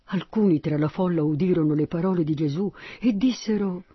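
A man narrating a Bible passage in a steady, slightly husky voice. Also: high voice, fairly quick, no room sound, lo-fi sound. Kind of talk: Bible reading.

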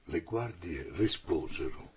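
A man reading a Bible passage aloud in a husky, measured voice. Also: low-pitched, animated, lo-fi sound. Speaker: scripture reader.

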